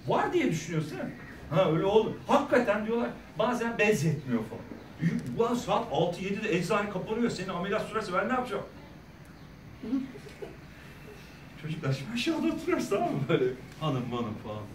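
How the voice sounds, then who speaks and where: A middle-aged man speaking as a guest at a school career day, telling stories in a lively way and acting out the people he quotes. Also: sits high, quick pace, slight background noise. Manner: animated, acts out quoted voices, jokes with the audience. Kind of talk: lively storytelling talk to students. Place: large echoey school hall. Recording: echoey hall, speaker far from mic.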